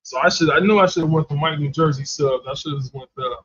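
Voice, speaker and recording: A man's voice: on the high side, fast, a bit bright, slight background noise. A man co-hosting a comedy chat show, telling blunt, heated, profanity-filled stories and acting out the quotes. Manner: blunt, heated, swears constantly, acts out quotes. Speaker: co-host. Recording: dull lo-fi stream audio, dry.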